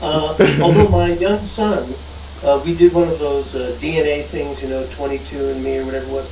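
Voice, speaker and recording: A man, a guest in a casual group chat, telling a story with dry humor and hesitant pauses. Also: a little high, fairly even intonation, dark tone, roomy sound, far from the mic, a little hiss or hum, low-quality recording. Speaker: guest, communication expert.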